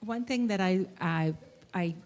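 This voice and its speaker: A woman congregant sharing thoughtfully, pausing and searching for her words. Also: medium pitch, darkish tone, slight background noise.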